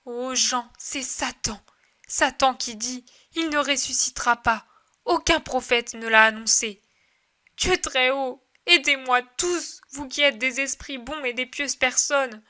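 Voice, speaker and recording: A woman's voice: fairly high pitch, steady tone, measured pace, bright, forceful tone. A woman voicing a frantic grieving mother. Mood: anguished. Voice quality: emotional pleading delivery. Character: grieving mother, desperate, clinging to faith.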